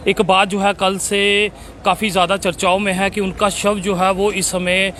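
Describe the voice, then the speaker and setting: A man's voice: high voice, level tone, moderate pace, bright, forceful tone, slight background noise. A male reporter doing a formal field interview, often affirming the other speaker.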